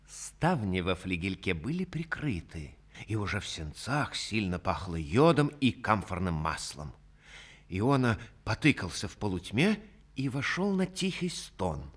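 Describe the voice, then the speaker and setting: A man narrating a literary story in an expressive audiobook reading style. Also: on the low side, unhurried, slightly rough.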